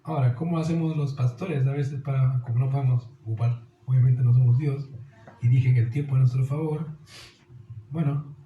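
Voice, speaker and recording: A man's voice: mid-range voice, steady tone, moderate pace, phone-quality sound. A man preaching a sermon as pastor, earnest, often asking listeners rhetorical questions and calling them dear. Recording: echoey hall with faint noise.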